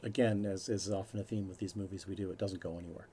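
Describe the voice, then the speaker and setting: Husky low-voiced man recapping a movie. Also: fairly even intonation, fast, mellow. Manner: recaps plot at length, easygoing. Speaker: podcast co-host. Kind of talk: casual movie review chat.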